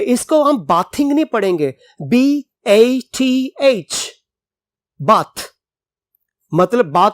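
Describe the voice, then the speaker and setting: An English teacher who reads a text aloud slowly, explains it at length and spells words out letter by letter. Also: mid-range voice, dry recording, studio quality.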